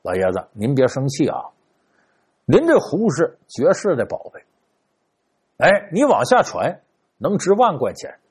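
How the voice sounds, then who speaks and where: A man's voice: on the high side, huge pitch swings, measured pace, pauses often, breathy edge, exaggerated voice. A man voicing a shrewd street fortune teller, coaxing and conspiratorial in a traditional spoken storytelling. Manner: coaxing, conspiratorial, hushed warnings.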